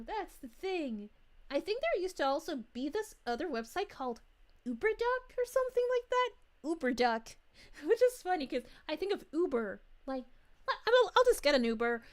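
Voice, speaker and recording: Woman voicing a sweet young princess, high-pitched, giggly, bouncing all over, live chat stream. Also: a bit bright, heavily acted. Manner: giggly, gushing, chatty.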